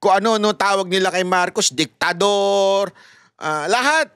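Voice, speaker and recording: A man's voice: high-pitched, measured pace, fairly bright tone, smooth, no echo, clean studio sound. A man giving heated, sarcastic political commentary straight to his viewers. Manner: mocking, heated and sarcastic, addressing viewers directly.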